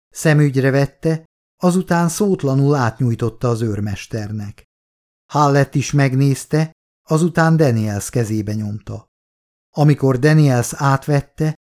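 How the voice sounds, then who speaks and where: A man narrating an audiobook in a steady, measured reading style, voicing characters' quotes quietly. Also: mid-range voice.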